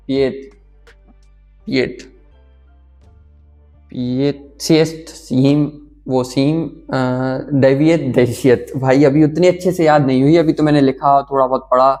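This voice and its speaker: A young man with an Uttar Pradesh accent, casually vlogging about learning a language and slowly sounding out new words. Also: a little high. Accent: Uttar Pradesh Hindi. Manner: relaxed, thinking aloud with fillers, slowly sounding out words. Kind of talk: casual talk to camera.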